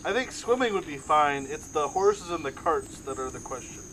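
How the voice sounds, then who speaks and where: A man's voice: fairly high pitch, expressive, moderate pace, crowd noise. A man running a tabletop game as game master, narrating casually and thinking aloud.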